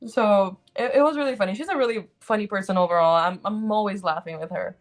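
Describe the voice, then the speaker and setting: This guest is a twenty-something actor from Brazil with a Brazilian accent, chatting casually in an interview. Her medium-pitched voice moves at a quick pace, peppered with "um" and "like."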